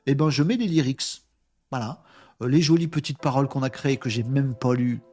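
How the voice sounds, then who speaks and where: A man's voice: medium pitch, brisk, darkish tone, soft background music. A man hosting a live stream in casual chat, joking and thinking aloud with many fillers as he works at his computer. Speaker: live show host.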